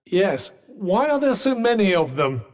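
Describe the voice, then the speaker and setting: This man's high voice is very animated and a little slow as he delivers scripted game companion dialogue. With a British accent, polished diction and dry sarcasm, he voices a haughty, erudite magical cuff in a fantasy video game, sounding wry and composed.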